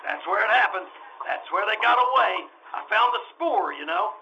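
In a live radio re-enactment with faint background noise and a muffled sound, a stage actor from a radio troupe plays a flustered, folksy animal-show owner in old-time radio drama style. His voice is high-pitched, creaky, bright, and forceful, delivered at normal speed with expressive, heavily acted flair. He stammers, rambles, and repeats himself in an earnest, chatty mood.

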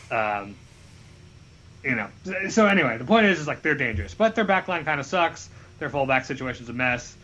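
Bright, forceful man on a lo-fi podcast. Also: medium pitch. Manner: rambling, opinionated, hedging with "like". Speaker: podcast panelist. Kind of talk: casual football discussion.

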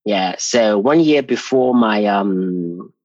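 Relaxed man from Cameroon, dull dry sound. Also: lowish voice, takes it slowly, no room sound. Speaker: guest, foundation founder. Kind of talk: conversational interview.

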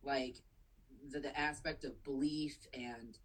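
A woman with a low, husky voice chatting casually as a podcast co-host. She talks with open emotion and enthusiasm and swears casually. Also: steady tone, slow, low-quality recording. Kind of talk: casual movie chat.

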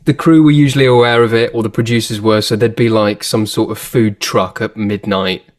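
A man co-hosting a podcast, chatting in a lively, casual way. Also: fairly low pitch, fairly quick. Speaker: podcast co-host. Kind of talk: casual chat.

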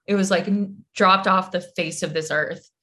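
Chatty woman with a bright voice. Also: on the low side, steady tone, moderate pace. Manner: chatty storytelling, fillers, laughs and swears. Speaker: podcast co-host. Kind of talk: casual chat.

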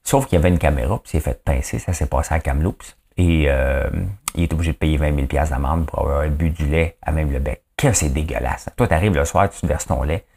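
Low-voiced Quebec French host rambling. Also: male voice, brisk, darkish tone. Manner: rambling, chatty, lots of fillers and asides. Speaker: host of a daily news podcast. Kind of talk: casual news commentary.

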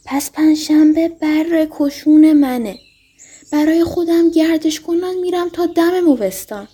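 A woman's voice: high-pitched, pitched above the performer's own voice, natural voice. A woman voicing a wistful tender fox. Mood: longing. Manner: gentle, heartfelt, pleading. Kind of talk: storybook reading.

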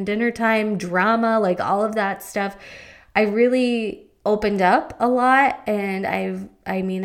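A young adult woman hosting her own podcast, talking in a chatty, rambling, upbeat way into a studio mic. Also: medium pitch. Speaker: podcast host and fitness coach. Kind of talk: casual podcast chat.

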